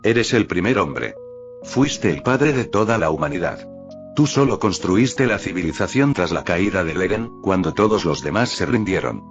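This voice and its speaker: A man's voice: low voice, very animated, normal speed. A man voicing Abel, an anxious, self-doubting grown son who speaks in a trembling way. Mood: pleading. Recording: dull lo-fi audio with faint music.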